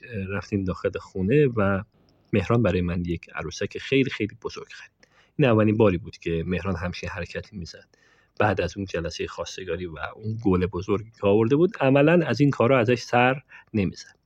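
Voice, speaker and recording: A man's voice: on the low side, a little mellow, dry recording. A man narrating a true story in a conversational way, breaking off into asides that he speaks straight to his listeners. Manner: digressive, addresses listeners directly. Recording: dull, dry lo-fi recording.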